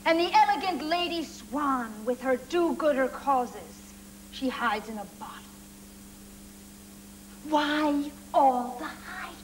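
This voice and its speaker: A woman's voice: high-pitched, lively intonation, takes it slowly, a little hiss or hum, low-quality recording. An actress playing a bitter young model who cuttingly accuses the older women around her in a 1980s TV drama. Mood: contemptuous. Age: young adult. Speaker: actress in a TV miniseries.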